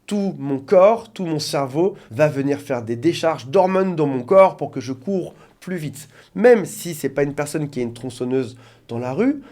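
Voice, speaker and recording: A man's voice: fairly high pitch, lively intonation, a little slow, warm tone. A man working as a relationship coach, explaining things directly to his viewers in an informal talk, with joking asides. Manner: jokey asides.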